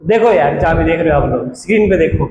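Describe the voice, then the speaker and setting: A man with a high voice teaches vocabulary in a classroom style, calling his students "beta." He repeats each word and its meaning several times and keeps asking the class to say it back. The recording sounds echoey, with clear background noise. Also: animated, fast talker, lo-fi sound.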